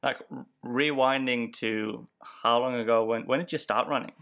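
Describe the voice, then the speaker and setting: A man's voice: medium pitch, steady tone, moderate pace, a bit bright, dull audio. A man hosting a podcast, talking loosely and casually, often repeating words. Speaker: podcast host. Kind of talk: casual chat.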